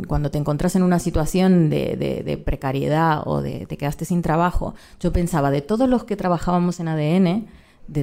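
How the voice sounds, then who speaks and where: An Argentine woman journalist, speaking as a guest in a live podcast interview, reflective and measured, pausing often to find her words. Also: fairly low pitch, mellow.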